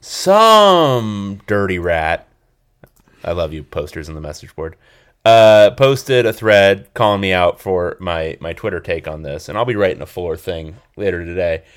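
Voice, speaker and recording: A man's voice: low voice, normal speed. A man co-hosting a casual sports podcast, chatty and analytical, hedging his points. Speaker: podcast co-host.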